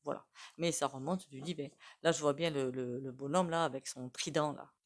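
A woman's voice: low voice, steady tone, moderate pace. A woman with an accent reading tarot cards in a casual spoken way, full of fillers and asides. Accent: non-standard French accent. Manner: chatty, many fillers and asides. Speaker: tarot reader.

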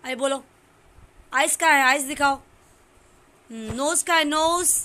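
A woman with a high, bright voice gently quizzes a small child for a home vlog. She speaks slowly and coaxingly, prompting each word in a sing-song way and praising every answer. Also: fairly even intonation. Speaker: family vlogger. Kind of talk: teaching a toddler on camera.

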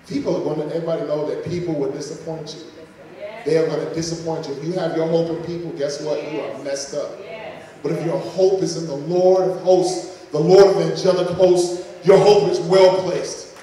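A man's voice: on the high side, steady tone, moderate pace, mellow. A man preaching a sermon, fervent and repetitive, with casual asides to the congregation. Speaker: pastor. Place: church sanctuary. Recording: echoey hall from far off.

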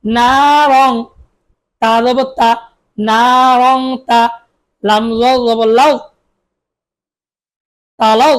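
A woman teaching Quran reading, spelling out syllables and drawing them out slowly, asking questions and answering them herself, with a Bangladeshi Bengali accent. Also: fairly high pitch, fairly even intonation. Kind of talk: spelling-out recitation lesson.

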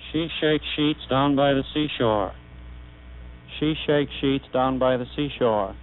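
Reciting test sentences with measured explanation, a man demonstrates an early speech synthesizer, his smooth mid-range voice turned buzzy and synthetic by a vocoder. It's a technical demonstration preserved on a tinny 1930s archival recording with mains hum.

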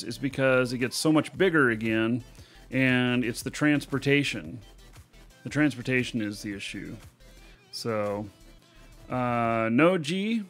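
A man's voice: medium pitch, a bit bright. A man hosting a live gameplay stream, chatting casually and rambling as he goes. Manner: rambling, chatty, laughs at himself. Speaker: livestream host.

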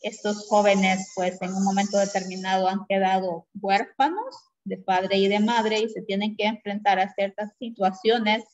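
A woman teacher giving a grammar lesson who explains patiently and keeps checking in with her class through quick tag questions. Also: medium pitch, steady tone. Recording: dull lo-fi recording.

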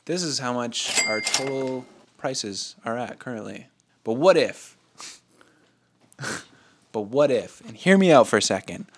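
Talking directly to an action camera held at arm's length, a twenty-something host runs a lighthearted vlog on an outdoor ski hill and in lodge rooms, cursing offhandedly. He speaks at medium pitch with lively intonation, unhurried and with long pauses.

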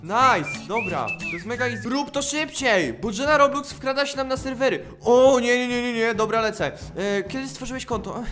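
A man giving excitable gameplay commentary, exclaiming and laughing as he reacts to the game. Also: very high-pitched. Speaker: gaming YouTuber.

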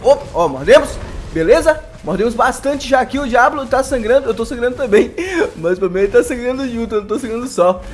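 A Brazilian man giving casual gameplay commentary, excitable and often laughing, talking straight to his viewers. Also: extremely high pitch, fast. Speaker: gaming YouTuber.

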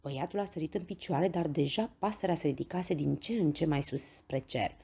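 A woman reads a bedtime story aloud, gentle and expressive. Her voice sits low, dark and husky, with a touch of gravel. The pitch moves up and down a lot as she tells it.

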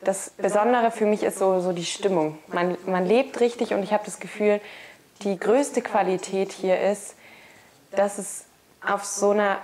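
A woman's voice: medium pitch, steady tone, measured pace, a little mellow. A woman taking part in a workshop shares her impressions in an interview. She hesitates, rephrases, and sounds enthusiastic throughout. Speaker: workshop participant.

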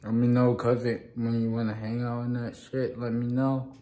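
Holding his phone at arm's length in a small living room, a young man vlogs casually to the camera, rambling and leaning on the same filler phrases. He has a mid-range voice with a flat, dark delivery at a moderate pace.

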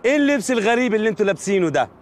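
An actor with an Egyptian accent playing a stern ancient guard who questions strangers in a commanding manner. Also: male voice, sits high, sing-song, rapid-fire, a little hiss or hum. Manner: commanding, interrogating.

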